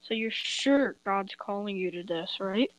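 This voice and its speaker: A woman's voice: mid-range voice, measured pace, dry recording, lo-fi sound. A young girl who hosts a homemade podcast drama, talking in a chatty, rambling, emotional way. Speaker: podcast host and drama player.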